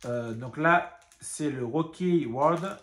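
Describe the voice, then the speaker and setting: A man's voice: a little high, slow, reverberant, slight background noise. A man casually showing his craft supplies in a home vlog, chatty and rambling with many fillers and asides. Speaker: craft vlogger. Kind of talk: casual show-and-tell vlog.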